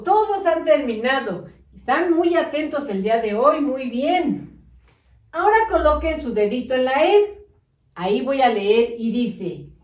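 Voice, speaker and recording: A woman teacher, dictating to young children slowly and patiently, spelling words out syllable by syllable. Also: high-pitched, a little mellow, recorded from a distance. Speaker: primary school teacher. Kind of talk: slow, patient classroom dictation. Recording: echoey room, voice off-mic.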